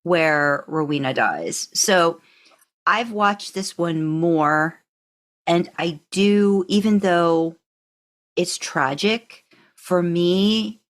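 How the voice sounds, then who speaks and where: She speaks extremely slowly in a lowish voice. A narrator co-hosting a podcast, she shares opinions in a relaxed fan discussion, often hedging.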